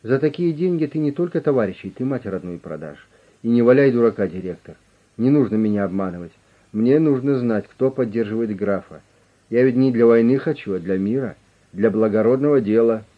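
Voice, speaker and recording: A man voicing a calm but pushy male negotiator with an official manner who talks steadily and insistently. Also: medium pitch, a little fast, pitched above the performer's own voice, close to an everyday voice. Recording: dull lo-fi recording.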